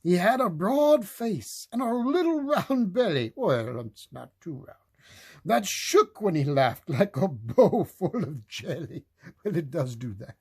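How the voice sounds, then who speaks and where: A man's voice: high voice, big pitch swings, darkish tone, breathy edge, exaggerated voice. A man playing a kindly, playful old Santa Claus, reading a storybook aloud in a jolly, theatrical way with chatty asides. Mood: warm, playful. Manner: jolly, chuckling, theatrical, unhurried.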